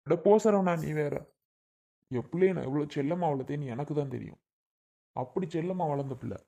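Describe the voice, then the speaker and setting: A man plays a devoted father in a home-made family drama, his voice a little high. He speaks earnestly and emotionally on his daughter's behalf. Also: lively intonation, fairly quick, gravelly, mellow. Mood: pleading. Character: protective older father of a grown daughter.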